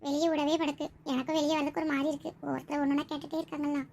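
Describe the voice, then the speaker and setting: A gentle, childless young village wife, speaking softly and tearfully, as a woman acts her out. Her voice is high and the talk runs very fast. It is a village skit. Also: flat delivery, vocal fry, slight background noise. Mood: sorrowful. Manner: soft and tearful. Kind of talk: village comedy skit acting.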